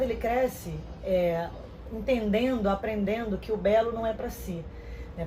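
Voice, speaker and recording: A woman, giving earnest, measured interview answers with some hesitant restarts. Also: on the high side, dark tone, a little hiss or hum, rough recording. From Rio de Janeiro, Brazil. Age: 30s. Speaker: interview guest.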